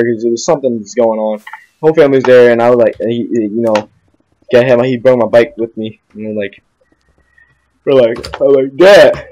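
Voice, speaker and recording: A man's voice: medium pitch, a little mellow, poor audio. A young man telling a rambling story in casual chat, repeating "I'm like" and laughing at himself. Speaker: podcast co-host.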